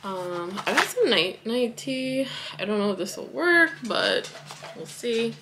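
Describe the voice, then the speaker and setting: Her voice is a little high and slightly slow, with big pitch swings, heard over music in poor-quality audio. In her home kitchen, this wellness vlogger in her thirties chats through a grocery haul, loose and full of fillers and "likes," drifting in and out of frame of a counter camera.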